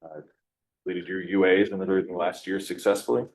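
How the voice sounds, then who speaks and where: Deep-voiced man questioning in court. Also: flat delivery, darkish tone, poor audio. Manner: measured, checking facts one by one.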